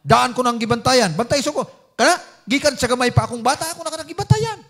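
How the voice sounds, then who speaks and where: A man's voice: very high voice, expressive, quick pace, fairly bright tone. A man with a Filipino accent preaching a sermon, mixing Cebuano and English and tagging points with "See?". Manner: switches between Cebuano and English, frequent "See?" tags, rising to emphatic peaks.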